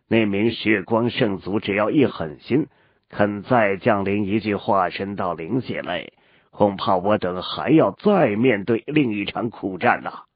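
A man voicing a silver-haired old male sect elder who speaks in a measured, modest way. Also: lowish voice, dry recording. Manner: measured, humble then stern. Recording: lo-fi with faint music.

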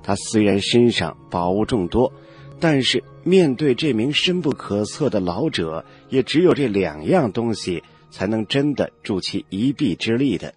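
A man reads a serialized fantasy audiobook in scripted narration. His voice sits on the low side but swings widely in pitch as he dramatizes the action. Faint music plays beneath. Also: very animated, unhurried, slightly rough.

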